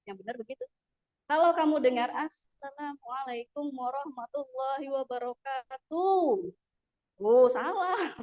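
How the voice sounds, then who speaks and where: Lady teacher, high voice, patient, walks the class thru arabic sounds, kinda muffled lo-fi audio. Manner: explains rules patiently, models Arabic pronunciation. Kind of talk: classroom instruction.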